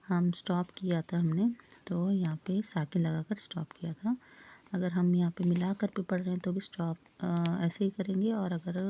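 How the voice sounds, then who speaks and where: A woman teaching Quran recitation step by step, patiently explaining rules and repeating sounds slowly to demonstrate them. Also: on the low side, vocal fry, dark tone, a little hiss or hum. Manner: asks the viewer questions, then answers them. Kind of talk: step-by-step tajweed lesson.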